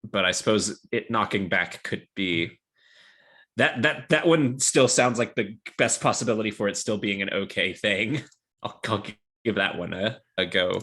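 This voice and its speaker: A man playing a tabletop game, chatting casually and hesitantly as he deliberates aloud over his choices. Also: lowish voice, pushed and bright.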